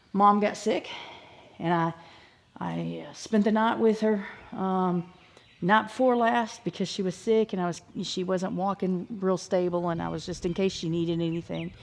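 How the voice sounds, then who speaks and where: A woman's voice: medium pitch, a little mellow. A woman with a chats casually and folksily outdoors, meandering as she thinks aloud in a homestead vlog. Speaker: homesteading vlogger. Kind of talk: casual rambling vlog chat. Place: outdoors on a farm.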